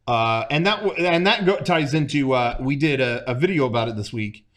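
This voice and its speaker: Man, mid-pitched voice, casual chat, hesitant, easygoing. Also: lively intonation, fairly quick, fairly bright tone. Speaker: podcast co-host.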